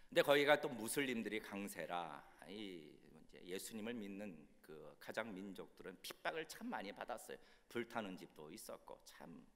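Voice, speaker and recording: A male pastor preaching a sermon, dropping to hushed whispers and then rising to loud, urgent climaxes. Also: lowish voice. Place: large retreat hall. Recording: long hall reverb.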